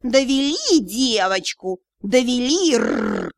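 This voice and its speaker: A woman's voice: fairly high pitch, wildly swooping pitch, takes it slowly, creaky, dry recording, exaggerated voice. A woman voicing a sly, flirtatious male talking cat in an audiobook, with a drawling, purring manner. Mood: indignant.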